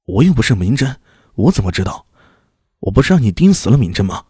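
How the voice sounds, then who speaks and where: A sharp-tongued young male warrior in a fantasy audiobook, shouting warnings and snapping retorts, voiced by a man. The voice is husky and dark. The recording is close and dry. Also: on the low side, big pitch swings, fast, no room sound, exaggerated voice. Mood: flustered. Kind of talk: audiobook character voice.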